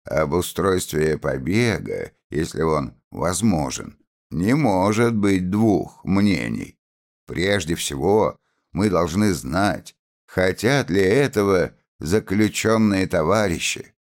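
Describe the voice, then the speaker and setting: A calm, businesslike man, voiced by a male reader close to his own tone, serious and matter-of-fact. The voice is deep and unhurried, in a storybook reading. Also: full character voice.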